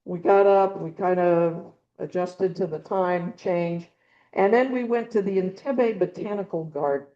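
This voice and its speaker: A middle-aged woman with a lowish voice presents slides to a birding club a little slowly, rambling casually with many ums and restarts. The setting is a meeting room with a small crowd. Her handheld or clip mic is running out of battery, leaving the recording muffled.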